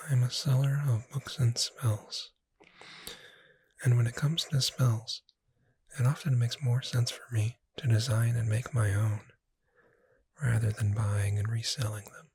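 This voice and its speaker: Playing a friendly witch bookseller, the ASMR performer whispers breathily in a gentle, unhurried, slightly wry way, fully in character voice. The voice is mid-range, and the recording has no room sound at all.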